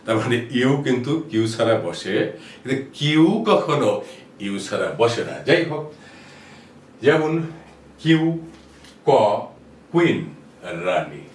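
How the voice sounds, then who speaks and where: A man's voice: mid-range voice, big pitch swings, measured pace, pauses often. A man explaining how English letters are pronounced, patiently repeating example words. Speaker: English teacher. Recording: roomy echo, distant mic, faint noise.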